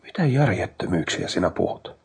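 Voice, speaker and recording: A man's voice: low-pitched, expressive, slightly rough, exaggerated voice. A man voicing a shaken, pleading sibling. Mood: firm. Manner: quiet, firm pleading. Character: shaken sibling confronting a mad brother. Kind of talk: dramatic audiobook reading.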